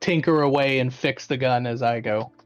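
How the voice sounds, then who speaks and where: A man's voice: medium pitch, fairly even intonation, moderate pace, dry recording, lo-fi sound, faint music behind. A man playing a tabletop game over a call, joking and swearing casually while explaining his rolls. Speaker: player.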